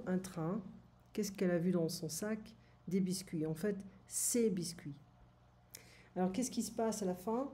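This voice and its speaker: A woman's voice: medium pitch, dark tone. A woman French tutor going over a lesson summary for her student, explaining in French and then repeating it in English.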